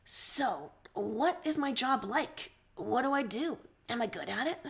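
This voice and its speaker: A woman's voice: on the high side, expressive, measured pace, creaky. A woman reading aloud as a curious, grumpy young man, with a blunt, questioning way of talking.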